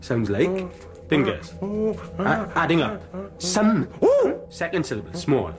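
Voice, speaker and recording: An actor playing a naive, earnest young watch constable, eager and polite. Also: male voice, fairly high pitch, big pitch swings, takes it slowly. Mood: puzzling.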